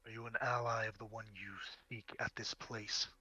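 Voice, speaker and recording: Man voicing a gruff, low, suspicious interrogator. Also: level tone, normal speed, sharp tone, highs cut off. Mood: suspicious, menacing. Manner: terse, menacing questioning. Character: gruff, suspicious hooded male assailant interrogating a captive.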